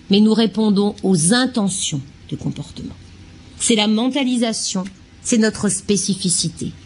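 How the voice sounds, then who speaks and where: A woman's voice: mid-range voice, a little mellow. A child psychiatrist giving a lecture to childcare staff, a woman who talks expressively and acts out short examples.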